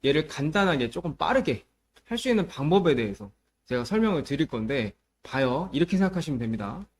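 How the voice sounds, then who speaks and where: A man with a fairly high, briskly delivered voice full of big pitch swings teaches a middle school math lesson. He goes step by step, keeps asking whether students are following, and shifts between polite and casual speech.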